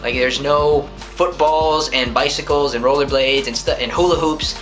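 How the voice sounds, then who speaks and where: A man's voice: medium pitch, fairly even intonation, normal speed, a bit bright, faint music behind. Chatty young man rambling in a home vlog. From New Hampshire. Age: young adult. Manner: rambling, chatty, talks with his hands. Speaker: vlogger answering viewer questions. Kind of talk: casual vlog chat. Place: living room at home, indoors.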